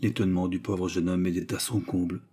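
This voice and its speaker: Husky low-voiced male narrator. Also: flat delivery, brisk, dark tone. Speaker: audiobook narrator. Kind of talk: scripted narration of a classic novel.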